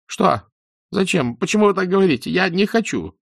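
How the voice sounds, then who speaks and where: A man voicing a frightened middle-aged male doctor under interrogation, pleading and breaking into hysterical shouts. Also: lowish voice, animated, moderate pace, creaky, breathy edge, dry recording, clean studio sound, exaggerated voice.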